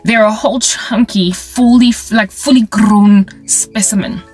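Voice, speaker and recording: Animated South African woman in her forties. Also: medium pitch, a little slow, breathy edge, soft background music. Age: 40s. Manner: animated and wry, with sound effects and mixed-in local languages. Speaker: vlogger and ministry creator. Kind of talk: casual monologue to camera.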